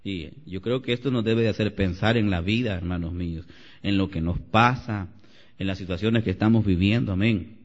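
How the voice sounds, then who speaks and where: A man preaching a Sunday sermon as pastor, animated and climbing to loud exclamations. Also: on the low side, moderate pace. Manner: animated preaching, rising to shouts. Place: church sanctuary. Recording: lo-fi church recording with long reverb.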